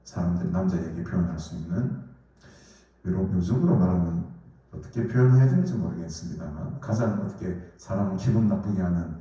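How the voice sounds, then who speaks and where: Pastor preaching in an echoey hall. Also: male voice, sits low, brisk, mellow. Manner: asks the congregation questions, with many fillers. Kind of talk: sermon. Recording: echoey hall, far from the mic, dull.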